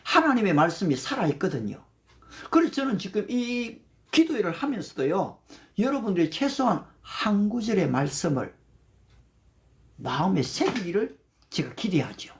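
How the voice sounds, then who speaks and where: An older man leads a livestreamed prayer meeting, his voice rising and falling in a lively, animated way. He slows right down to recite Bible verses in English and thanks viewers by name as he goes. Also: sits high. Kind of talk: livestreamed devotional talk.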